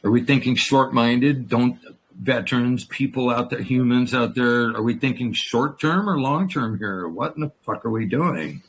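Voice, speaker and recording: Blunt cussing guy, gravelly husky voice, dry sound. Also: medium pitch, moderate pace, rough recording. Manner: profane, blunt, rhetorical questions. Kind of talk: casual conversation.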